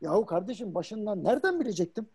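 Brief: exasperated boyfriend in a comic sketch, quiet mumbling, read by a man, husky. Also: high voice, very animated, fast talker, dry recording, studio quality, full character voice. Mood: weary. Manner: muttering, exasperated. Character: weary young man trying to break up.

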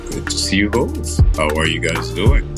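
Very deep-voiced male podcast host. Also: wildly swooping pitch, normal speed, over loud music. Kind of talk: podcast interview hosting.

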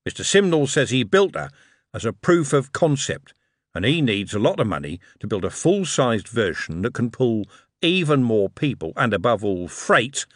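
A man's voice: medium pitch, big pitch swings, moderate pace, dry recording, clean studio sound. A man voicing a jovial, shrewd older male tycoon who talks in coarse, chummy street slang. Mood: persuasive.

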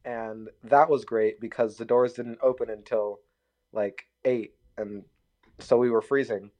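A man's voice: mid-range voice, fairly even intonation, a little slow. A man recounting an event as a podcast guest, amused and rambling. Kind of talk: casual storytelling. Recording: slightly dull lo-fi sound.

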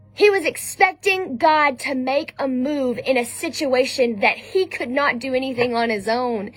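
A woman giving an informal sermon in a conversational way, often pausing with ums and restarting her sentences. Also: high-pitched. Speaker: speaker giving a devotional message. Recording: soft music underneath.

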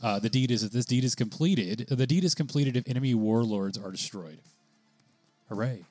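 A man's voice: mid-range voice, moderate pace, a little mellow, no echo, soft background music. A man co-hosting a casual gaming podcast, chatty and laughing often as he reads rules aloud. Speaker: podcast co-host.

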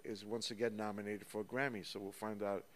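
A man being interviewed as a guest musician, talking in a lively, storytelling way and counting rhythms out loud. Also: fairly low pitch, fairly quick. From United States. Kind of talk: casual interview. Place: small recording studio. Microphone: studio microphone.

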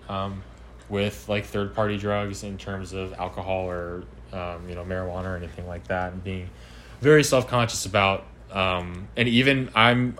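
Young man, low-pitched, halting casual answers, faint hiss in the background. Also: a bit bright. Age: 20s. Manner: hesitant, many ums and restarts. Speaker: interviewee. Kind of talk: casual interview at home. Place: home apartment.

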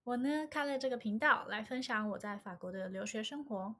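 A young woman speaks in a fairly high voice with a Taiwanese accent. She is a native Mandarin speaker from Taiwan. Her delivery is a scripted channel introduction with a playful, tongue-in-cheek manner. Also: brisk, a bit bright. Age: young adult. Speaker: channel host.

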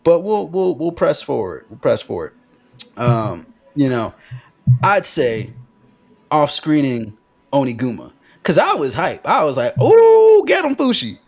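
A man co-hosting a casual podcast, talking in an excitable, animated way and swearing freely. His voice has a gravelly, creaky edge, and his pitch swings widely as he gets worked up. His tone sits in an ordinary middle register. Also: a little slow. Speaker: podcast co-host.

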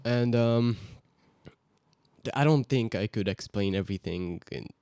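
Relaxed teenage guy with low voice. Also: a little slow, smooth, dry recording. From Hungary. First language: Hungarian. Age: teens. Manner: relaxed, rambling storytelling with fillers. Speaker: guest. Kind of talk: casual podcast chat.

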